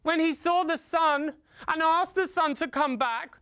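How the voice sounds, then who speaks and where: In a very high-pitched, sharp voice, a British storyteller theatrically recounts a folktale for children. He relies on dramatic pauses, repeated phrases and long, drawn-out emphasis.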